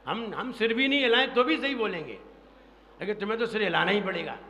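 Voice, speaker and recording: A man with a high, bright voice leads a congregation through a recitation lesson. He speaks slowly and drills each syllable, chanting the verse for them to repeat. He is heard in an echoey hall with a long reverb and faint ambience behind him. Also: expressive, slight background noise. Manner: slow, drilling repetition, chants verse lines. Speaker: monk teaching recitation. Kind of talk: pronunciation lesson within a sermon.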